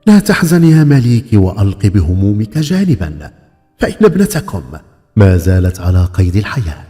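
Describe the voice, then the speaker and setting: A man voicing an eager, deferential vizier in a folk tale, with formal, flattering address. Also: fairly low pitch, brisk, big-room sound, faint music behind. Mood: joyful, deferential. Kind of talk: folk tale character acting.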